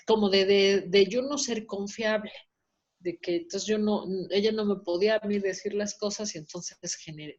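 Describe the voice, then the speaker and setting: A woman's voice: mid-range voice, dull audio. A Mexican woman giving a candid personal testimony at a support group meeting, acting out quoted voices and swearing casually. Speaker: support group member sharing.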